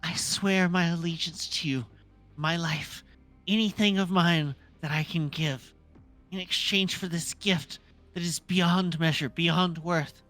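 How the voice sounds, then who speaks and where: Devoted small female pixie acted by a game master, solemn tabletop role-play, bright and unhurried. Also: medium pitch, fairly even intonation, soft background music, lightly acted. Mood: reverent, awestruck. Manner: solemn, reverent oath-giving.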